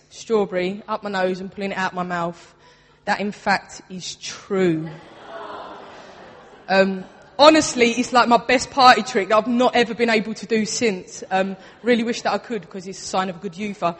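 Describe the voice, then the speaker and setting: A young woman with a Cockney accent giving a chatty, self-mocking Easter talk to a congregation as a youth worker, laughing often. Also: mid-range voice. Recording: long hall reverb.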